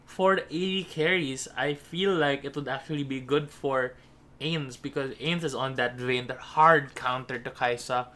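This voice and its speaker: A man's voice: medium pitch, moderate pace, pushed and bright. A man giving color commentary on an esports match, chatty and teasing his co-caster.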